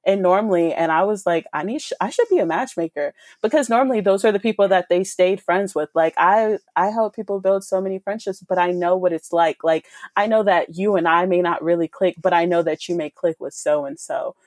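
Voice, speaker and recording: Casting note: twenties woman, low-set voice, loose filler-heavy chat, dry close recording. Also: a little fast, few pauses, a little mellow, dry recording. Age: 20s. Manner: chatty, many fillers and restarts. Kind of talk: casual chat.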